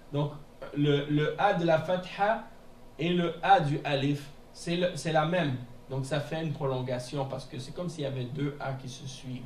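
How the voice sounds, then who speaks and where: Slow, patient male teacher in an echoey room. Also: fairly high pitch. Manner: patient, repeats words slowly with checks like "hein?". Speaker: Arabic teacher. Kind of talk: classroom lesson. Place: mosque classroom. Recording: echoey room from a distance, faint noise.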